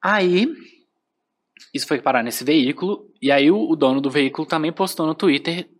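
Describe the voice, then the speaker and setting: A man from Brazil with a Brazilian Portuguese accent, a podcast guest telling an animated story in casual chat, full of filler phrases. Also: on the high side, moderate pace.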